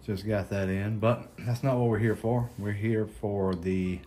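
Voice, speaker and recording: A man with a Southern accent, hosting a casual unboxing chat in an unhurried, halting way with many ums and restarts. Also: lowish voice, fairly even intonation, mellow, soft background music. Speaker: cigar channel host.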